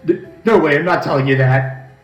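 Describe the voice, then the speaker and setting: A cocky villain's henchman from a video game , acted out by a man, sneers and exclaims defiantly. The voice is pushed high and echoes in a large room. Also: brisk, muffled recording, soft background music, lightly acted. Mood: panicked defiance. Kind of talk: dramatised game dialogue.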